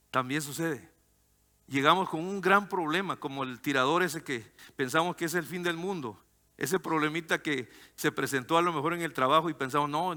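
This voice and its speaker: A man preaching a sermon as pastor, fervent and emphatic, at times turning soft and tender. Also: a little high, long reverb tail. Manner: fervent, rising to loud emphatic cries; turns soft and tender in story parts.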